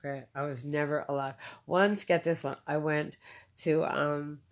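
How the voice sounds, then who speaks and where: A woman recounting her own experiences to an interviewer, halting with fillers and repeating phrases for emphasis. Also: sits low, fairly even intonation. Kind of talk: personal storytelling in conversation.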